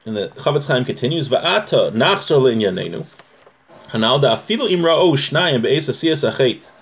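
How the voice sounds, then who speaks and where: A man with a medium-pitched voice teaches an informal class on religious law at a moderate pace and in an animated way. He reads from a text and explains it point by point, repeating himself and checking that his listeners are following.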